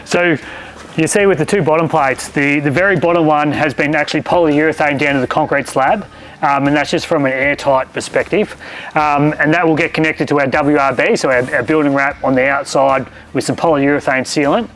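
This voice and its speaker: A man's voice: on the high side, steady tone, fairly quick, fairly bright tone. An Australian man, a builder, explaining things casually and practically as he presents a site walkthrough. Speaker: builder co-hosting a home-building show.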